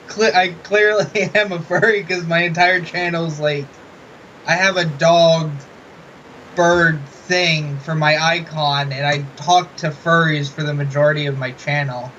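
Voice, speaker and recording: A man hosting an interview, asking questions in a soft, slightly mumbling, hesitant way from inside a fursuit head. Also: fairly high pitch. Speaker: interviewer, channel host. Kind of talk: casual interview. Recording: muffled, dull audio with hiss.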